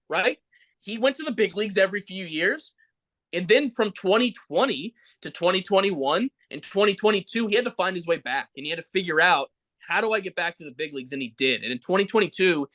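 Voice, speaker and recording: A man hosts a podcast in a relaxed chat. His voice sits a little high and comes across bright and forceful. He speaks with earnest, heartfelt warmth toward his guest. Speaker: podcast host.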